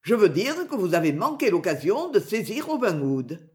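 A reader voicing a calm, shrewd male innkeeper in an audiobook. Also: medium pitch, normal speed, close to an everyday voice. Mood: cool. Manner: cool, dry, unruffled. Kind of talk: audiobook character voice.

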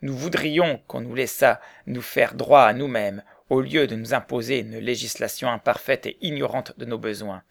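A man reading the lines of an earnest middle-aged mill owner in a storybook, in a measured, serious way. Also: mid-range voice, vocal fry, no echo, studio quality.

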